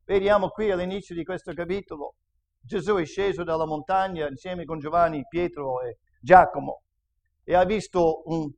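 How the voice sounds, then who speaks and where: A man's voice: fairly high pitch, moderate pace, darkish tone. A male pastor giving a sermon at a church service, preaching and praying in an earnest, fervent way. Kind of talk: sermon with Bible reading and prayer.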